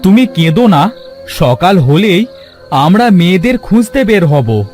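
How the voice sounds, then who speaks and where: এক নারীর কণ্ঠে রাগী গম্ভীর পুরুষ কৃষক. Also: female voice, fairly low pitch, sing-song, a little slow, darkish tone, soft background music, voice pushed down. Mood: comforting. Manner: threatening, scolding. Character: gruff angry male farmer, middle-aged.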